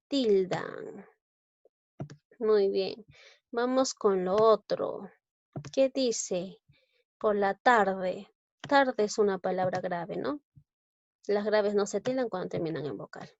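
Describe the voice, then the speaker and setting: A woman's voice: mid-range voice, a little mellow, dry recording. A woman teacher with a Peruvian Spanish accent giving a grammar lesson, explaining step by step and checking in with "¿no?" and "¿ya?". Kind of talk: slow, deliberate grammar lesson. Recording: dull, lo-fi dry recording.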